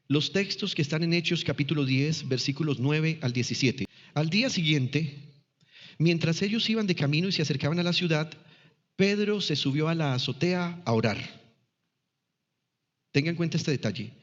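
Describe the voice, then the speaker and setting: A man's voice: on the high side, in a large hall, dull audio. A man teaching a sermon, reading scripture passages aloud and explaining them with pointed questions. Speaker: preacher.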